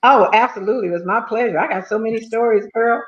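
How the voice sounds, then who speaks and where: A woman's voice: fairly high pitch, fast, very noisy. Older woman, 70s, talkative guest, loose rambling delivery; slightly muffled remote audio. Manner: chatty and rambling, full of you-knows and repeats. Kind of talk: casual talk-show interview.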